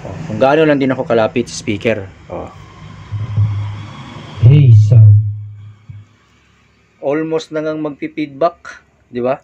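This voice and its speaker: A man giving a casual hands-on lesson on setting up a mixer, explaining step by step and shouting test calls into a microphone. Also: mid-range voice, a little fast. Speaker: sound equipment tutorial host. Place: room with a mixer and powered speaker. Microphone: handheld microphone, held at varying distance. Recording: dull sound with faint background noise.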